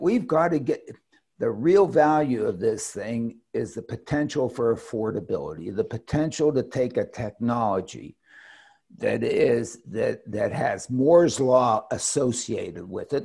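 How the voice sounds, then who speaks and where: Gravelly, exasperated talk-show man. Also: mid-range voice, expressive, unhurried, darkish tone. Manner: emphatic, exasperated, rambling with many restarts. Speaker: podcast co-host, commentator. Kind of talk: casual opinionated discussion.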